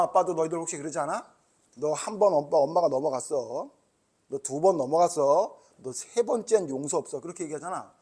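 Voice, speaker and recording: A man preaching a children's Sunday school sermon, talking casually and asking the children lots of questions. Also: high-pitched. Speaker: pastor.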